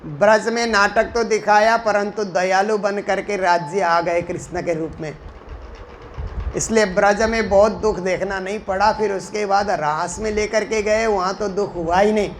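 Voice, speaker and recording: A man with a high voice gives a spiritual discourse. He chants lines of verse slowly, then explains them in long, repetitive phrases. Faint noise sits under the recording. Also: steady tone. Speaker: religious teacher. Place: Mumbai.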